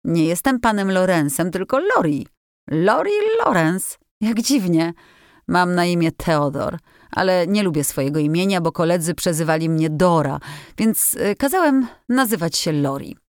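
A woman voicing a shy, well-mannered teenage boy in a storybook reading, courteous and gently amused. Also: lowish voice, animated, normal speed, no echo, clean studio sound, lightly acted.

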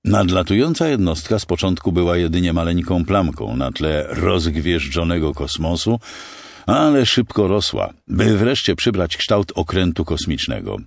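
A male narrator reading a science fiction audiobook with expressive storytelling. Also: low voice, moderate pace, vocal fry, dry recording.

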